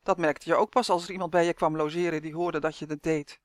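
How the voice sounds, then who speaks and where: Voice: mid-range voice, level tone, quick pace, no room sound. Dry, close storybook narrator. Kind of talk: audiobook narration of a children's novel.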